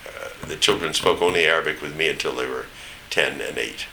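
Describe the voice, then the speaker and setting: Deep-voiced older man, standard American accent. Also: a little fast, creaky, bright, forceful tone, a little hiss or hum, low-quality recording. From East Tennessee, United States. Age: older, 70s or above. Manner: rambling, anecdotal, searching for names. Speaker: interviewee recounting memories. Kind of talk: oral history reminiscence.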